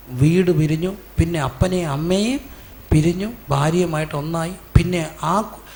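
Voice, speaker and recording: Pastor guy, sermon, keeps asking the crowd then answering himself, raspy fry in the voice. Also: on the high side, a little hiss or hum. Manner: storytelling preacher who asks the congregation questions and answers them himself; acts out quoted voices with sudden loud bursts.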